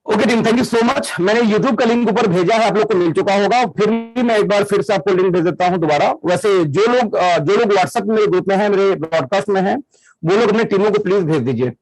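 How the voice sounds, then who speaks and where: A man's voice: high-pitched, a little fast, no echo, rough recording. A man presenting a business plan in a live online meeting, upbeat, mixing English phrases into his Hindi. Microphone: computer mic in a video call.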